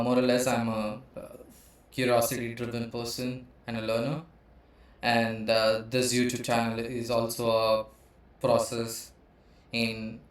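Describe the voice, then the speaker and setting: Explaining computational biology off a set of slides, this Indian educator in his thirties hesitates a lot and leans on frequent "uh" fillers. His voice sits in the middle range and echoes heavily around the room.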